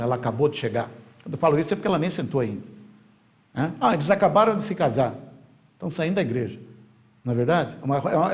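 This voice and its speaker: A Brazilian man with Portuguese as his first language, teaching an online English grammar lesson in an emphatic way, repeating key words slowly and checking in often with quick questions. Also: fairly high pitch, a little mellow.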